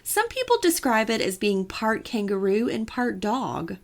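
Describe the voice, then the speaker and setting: A woman's voice: on the high side, big pitch swings, unhurried. A woman co-hosting a casual podcast, telling a story with playful asides and a chatty manner. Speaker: podcast co-host.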